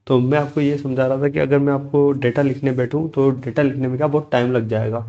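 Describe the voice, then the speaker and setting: A man's voice: medium pitch, level tone, a little fast, mellow, dull audio. A man tutoring a spreadsheet lesson step by step, often checking in with "okay" and asking his students' questions himself before he answers them. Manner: steps through clicks, repeating "theek hai" and posing students' questions himself. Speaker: computer tutor. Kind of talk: screen-recorded software tutorial.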